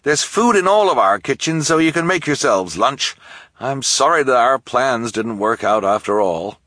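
A man's voice: medium pitch, lively intonation, moderate pace, a bit bright, no room sound, clean studio sound, pitched above the performer's own voice. A man voicing a meek, kindly male guardian who speaks mildly and apologetically in a storybook reading. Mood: friendly mild. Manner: mild, apologetic, eager to please.

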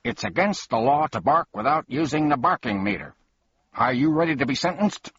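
A man doing a tiny, fierce storybook policeman, barking pompous accusations in a raised, husky voice. He sounds loud and self-important, with a swinging, lively delivery. The recording is slightly dull and lo-fi. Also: mid-range voice, normal speed, no room sound, pitched above the performer's own voice. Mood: officious.

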